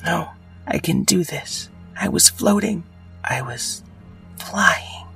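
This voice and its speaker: A man voicing an eager little shark boy hero in a read-aloud story, speaking in a high, excited, breathless way. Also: slow pace, vocal fry, exaggerated voice. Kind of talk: storybook character voice. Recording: voice a bit far from the mic, faint music.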